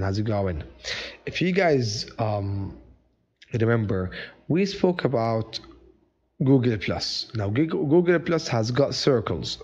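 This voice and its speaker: A male teacher speaks at a middle pitch through a slightly muffled, dull stream mic. He runs a live online revision session in a loose, joking way, greeting viewers by name and dropping in Arabic phrases. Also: darkish tone, slightly rough.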